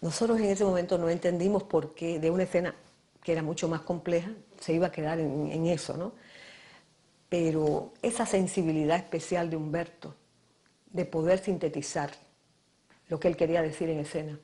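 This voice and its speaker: Woman, actress, interview recollection, thoughtful, dark warm tone. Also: lowish voice, steady tone, moderate pace. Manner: thoughtful, searching for words.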